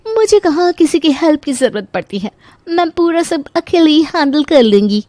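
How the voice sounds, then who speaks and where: Woman putting on cartoon young bride, chirpy, breezy, high voice, dry. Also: sing-song, moderate pace, darkish tone, no echo. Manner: breezy, chirpy, brushes off scolding. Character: cheerful carefree young woman, new daughter-in-law.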